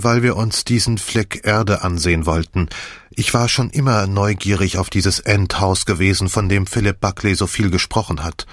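A man's voice: lowish voice, dry recording, clean studio sound. A man voicing a chatty, sentimental older woman in an audiobook, talking in a gushing way. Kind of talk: audiobook character voice.

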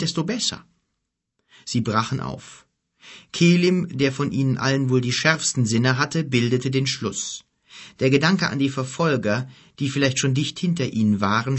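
A man reading a fantasy novel aloud as audiobook narrator, with steady, even storytelling. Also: medium pitch, breathy edge.

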